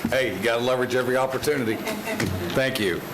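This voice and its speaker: A man's voice: mid-range voice, quick pace, background noise. A man speaks informally from a commission panel in a jovial, teasing manner. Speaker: county commissioner. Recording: loud crowd sound behind the voice.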